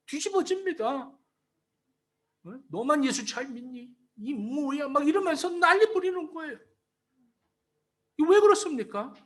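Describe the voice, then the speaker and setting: A male pastor preaches with a high-pitched voice for a man that swings widely up and down. He drives each point home by restating it again and again, now and then calling out to the congregation. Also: fairly bright tone. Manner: emphatic, repeats key phrases to explain them; calls out to the congregation. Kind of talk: sermon.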